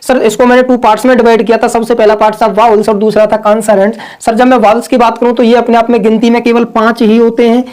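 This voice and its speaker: Quick and flat, with few pauses, a man with a very high voice and darkish tone teaches grammar online. He hammers each point twice, drills the same lines, overstresses the words he's fixing, and keeps calling people "sir" and "brother."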